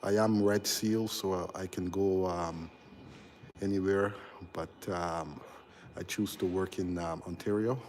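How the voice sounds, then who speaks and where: Inside a large half-built house, an electrical contractor from Barbados reads out comments and responds to them during a casual live-stream walkthrough. He talks in a low, flat voice, haltingly and chattily, and there's a bit of hiss or hum on the audio.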